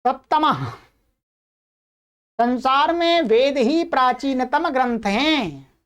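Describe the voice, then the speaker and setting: Her voice is high-pitched and fairly bright, with lively intonation, as she teaches Sanskrit in a recorded lesson. Working through an answer sheet in a patient, explanatory manner, she reads translations and examples slowly, word by word, and keeps checking in with the listener.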